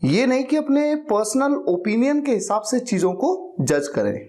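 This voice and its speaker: A man teaching English vocabulary, slowly reading example sentences aloud, repeating them and spelling words out. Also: very high voice, big pitch swings, dark tone. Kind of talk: vocabulary lesson.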